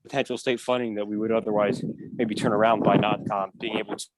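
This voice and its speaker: A man calling in to give public comment, his call audio choppy with volume cutting in and out, speaking haltingly with many fillers. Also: on the low side, level tone, background noise. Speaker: public commenter calling in to a city council meeting. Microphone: remote call-in line.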